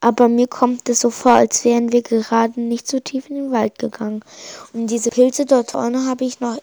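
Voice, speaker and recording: A woman voicing a brave boy adventurer who shouts urgent commands while trying to sound confident. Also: a little high, level tone, moderate pace, creaky, no room sound.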